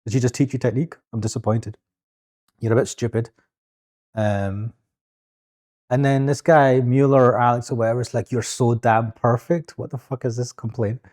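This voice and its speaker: A man's voice: mid-range voice, dark tone. Casual man, swearing freely. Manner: swearing freely, talks over partner. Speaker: podcast co-host. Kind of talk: casual chat.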